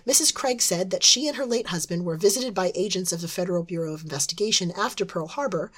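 A smoky-toned 1960s television newswoman, as a woman puts her on, with a Midwestern accent. She keeps to an even, measured delivery throughout. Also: lowish voice. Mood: formal. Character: smoky-voiced woman TV news reporter, 1960s. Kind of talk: reading a news report aloud.

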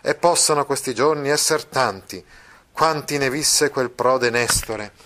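A man's voice: mid-range voice, measured pace, pushed and bright, pitched above the performer's own voice. A man voicing a young male puppet-show narrator with a declamatory, ornate delivery, read aloud from a novel. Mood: declaiming.

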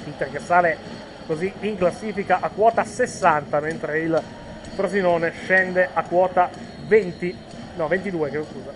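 A man's voice: high voice, moderate pace, background noise. A man giving informal live football commentary, hesitating and correcting himself as he goes.

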